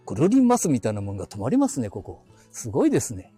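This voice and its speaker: Casting: chatty Aichi-dialect man, husky, lively up-and-down delivery, outdoor walk on a phone mic. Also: medium pitch, quick pace, soft background music. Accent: Aichi (Nagoya-area dialect). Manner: chatty, talks to himself, chuckling asides. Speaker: live audio streamer. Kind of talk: casual rambling walk-and-talk. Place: outdoors on quiet residential streets. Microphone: phone held in hand while walking.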